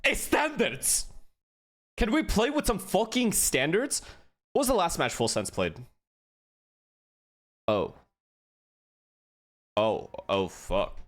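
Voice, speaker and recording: A man streaming a live esports watch-along, excitable and profane, talking straight to his chat. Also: fairly high pitch, slow pace, long pauses.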